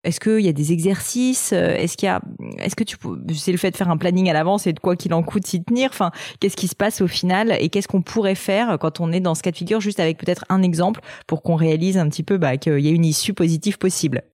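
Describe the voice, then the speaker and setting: A woman's voice: on the low side, fast, a little mellow, no room sound, clean studio sound. A woman hosting an interview podcast, chatting casually and loosely, with many fillers and restarts. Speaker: podcast host.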